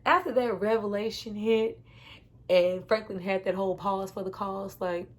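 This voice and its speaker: A woman with a husky, slightly rough voice talks through a TV episode in a loose, chatty recap. Her delivery is animated, full of laughter and blunt cursing, at a mid-range pitch. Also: normal speed. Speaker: TV show reviewer.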